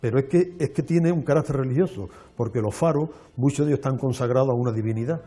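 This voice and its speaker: A man, a guest explaining in a measured, lecturing way with frequent restarts on a television show. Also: mid-range voice, dark tone. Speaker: archaeologist guest. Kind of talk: explanatory interview talk. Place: television studio.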